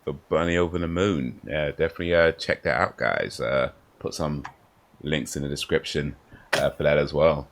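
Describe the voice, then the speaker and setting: A man hosting a podcast, talking in a relaxed, rambling way with many fillers. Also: a bass voice, moderate pace. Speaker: podcast host. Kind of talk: casual podcast chat.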